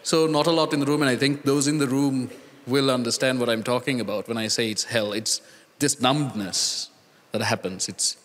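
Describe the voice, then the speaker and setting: A man, speaking as a panelist at a conference, earnest and deliberate, pausing and restarting as he thinks, into a handheld mic on a large hall stage. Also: medium pitch, fairly even intonation, fairly bright tone. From Sri Lanka. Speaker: conference panelist, data scientist. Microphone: handheld microphone. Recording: reverberant conference hall sound.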